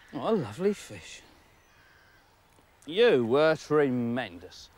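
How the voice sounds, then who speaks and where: A middle-aged man giving outdoor fishing commentary from a lakeside jetty, excitable, laughing often and talking to the fish. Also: mid-range voice. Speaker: angling presenter.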